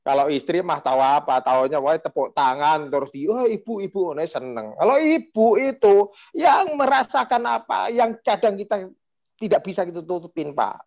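A man's voice: on the high side, moderate pace, creaky. A man, telling a story with feeling on a panel talk. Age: 40s. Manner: emotional, animated storytelling with acted quotes. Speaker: panel speaker, former regent. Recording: dull lo-fi sound.

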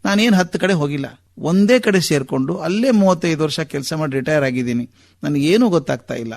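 A man's voice: on the high side, expressive, fast, creaky. A man voicing a tearful elderly retired male schoolteacher who pleads for help. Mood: pleading. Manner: pleading, addresses listener as sir repeatedly.

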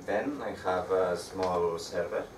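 A young man with a Spanish accent giving a meetup tech talk with slides, speaking haltingly with frequent restarts. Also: sits low. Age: young adult. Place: dark room with projector screen. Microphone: far camera. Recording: echoey room, distant mic, audible background noise.

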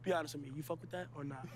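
High animated voice, laughs a lot, music underneath. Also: male voice, very noisy. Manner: loud, teasing, laughs often. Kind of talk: comedy street prank.

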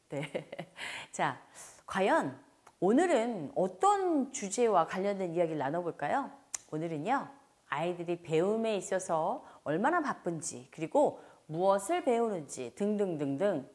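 A woman's voice: mid-range voice, a little mellow. A middle-aged woman giving a chatty English lesson for mothers, laughing often and acting out little dialogues between mother and child. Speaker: English teacher for parents.

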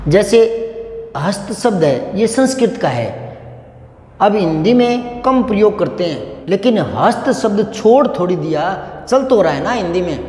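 A man with a cough teaching Hindi grammar in a patient, slow lesson, repeating points and asking rhetorical questions. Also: high voice, dark tone. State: unwell with a cough. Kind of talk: explanatory classroom lesson. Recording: echoey room with long reverb.

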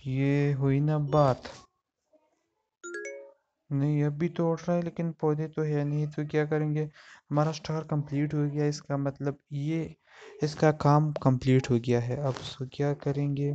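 A man's voice: a little high, monotone, a little slow, mellow, muffled recording, slight background noise. A man giving casual gameplay commentary as a gamer, chatting to himself while he works through a puzzle game.

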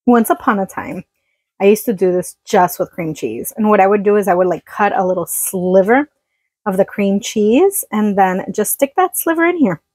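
A woman's voice: mid-range voice, expressive, normal speed, a little mellow, breathy edge, no echo, rough recording. A woman chatting casually while cooking in a small trailer kitchen, laughing often as she works. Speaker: cooking vlogger. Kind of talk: casual cooking chat to camera. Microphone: phone-plugged mic near the counter.

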